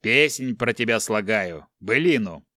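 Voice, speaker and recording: A man voicing a gruff giant barbarian who drawls slow, loud and folksy mockery in an audiobook. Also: lowish voice, expressive, no room sound, clean studio sound, exaggerated voice. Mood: mocking.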